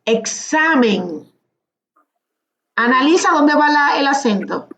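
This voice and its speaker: A woman's voice: on the high side, slow pace. A woman teaching a class over a video call, patiently asking questions and calling on students by name. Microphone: computer mic on a video call.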